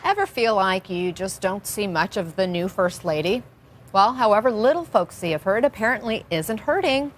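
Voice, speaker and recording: A woman's voice: mid-range voice, expressive, moderate pace, a little hiss or hum. A woman news anchor speaking from a newsroom in a conversational, friendly read. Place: television newsroom.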